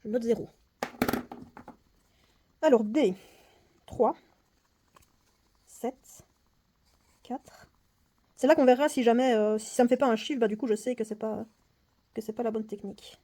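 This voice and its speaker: Her voice sits high and warm, fairly even, with a measured pace and long pauses as she solves a puzzle game on camera for her board game vlog. Self-mocking, she reasons aloud and mutters counts, frequently slipping into a whisper.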